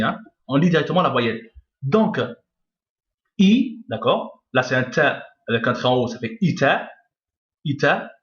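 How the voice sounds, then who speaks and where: A man teaching a reading lesson, patient, repeating each point and checking that his listeners follow. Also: fairly high pitch. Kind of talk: screen-recorded reading lesson. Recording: lo-fi echoey room.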